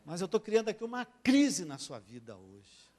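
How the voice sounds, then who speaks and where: A male pastor from Brazil preaching a sermon in a church. He keeps asking the congregation for amens and swings between soft and loud. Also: high voice, very animated, normal speed.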